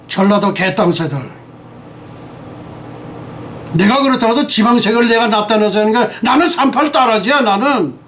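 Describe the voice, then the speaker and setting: A man's voice: very high-pitched, a bit bright. A man in his eighties preaching in a rambling, scolding way. He is teary and sniffling, hurls insults and keeps asking his listeners whether they understand. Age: 80s. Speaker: pastor. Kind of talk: rambling sermon and political rant.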